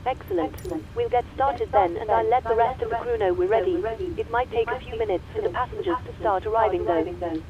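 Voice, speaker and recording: A woman's voice: a little high, brisk, dull audio, crowd noise. A woman speaking as cabin crew over a crew radio, giving polite, scripted boarding calls. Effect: over a crew radio or interphone. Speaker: cabin crew in a flight sim.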